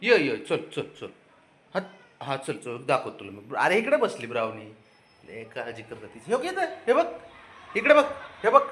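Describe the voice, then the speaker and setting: A man's voice: medium pitch, wildly swooping pitch, normal speed, sharp tone, slightly rough. A man filming his pets, coaxing and questioning his cat in a sing-song baby-talk voice. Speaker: pet owner filming his cats. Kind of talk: casual pet vlog.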